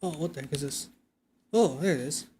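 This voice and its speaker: A man livestreaming a game, talking casually and thinking out loud in a conversational way. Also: a little high, fairly quick, a little hiss or hum. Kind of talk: casual livestream chat while playing a game. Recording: game music behind the voice. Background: video game music.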